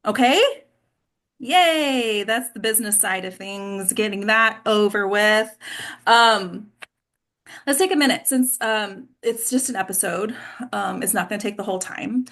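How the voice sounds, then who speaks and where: Using a computer mic on a video call, a woman acts as host and coach for an online group of actors, keeping things casual and encouraging. She has a mid-range, slightly bright voice and speaks at a measured pace.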